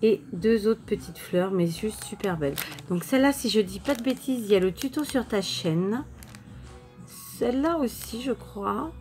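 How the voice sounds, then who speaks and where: A medium-pitched woman with slight background noise shows her viewers the crafting mail and purchases she's unpacking. As a crafting YouTuber, she chats casually with plenty of fillers and restarts and thanks people warmly.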